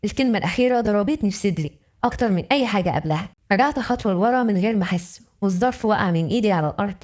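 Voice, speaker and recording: A woman's voice: mid-range voice, expressive, rapid-fire, a little mellow. A woman with an Egyptian accent narrating a dramatic first-person story in an emotional, intimate way. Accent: Egyptian Arabic.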